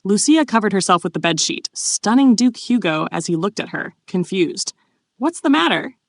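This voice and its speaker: Woman narrating a comic recap, lively pitch, dry close sound. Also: normal speed, no echo.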